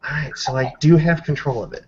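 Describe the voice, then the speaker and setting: A man serves as game master for a tabletop roleplaying game, narrating casually, counting dice, and swearing freely. His voice is fairly high, fairly quick, a little mellow and husky, heard through dull lo-fi voice chat audio.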